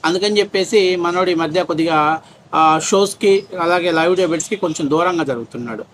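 A man's voice: on the high side, a bit bright, a little hiss or hum. A man delivering a heated political rant as a commentator, mocking his target and firing off rhetorical questions. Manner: scornful, mocking, rapid-fire rhetorical questions.

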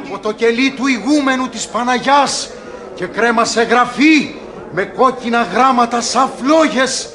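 An actor playing a frightened monk who urgently reports an omen in an old radio drama. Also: male voice, very high-pitched, slight background noise. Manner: urgent, excited. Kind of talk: classic radio drama acting. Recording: old archival radio recording.

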